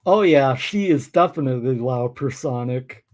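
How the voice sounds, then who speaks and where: A man reacting to police videos on a live stream, making relaxed, wry remarks to his chat. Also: fairly high pitch. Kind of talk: casual live commentary.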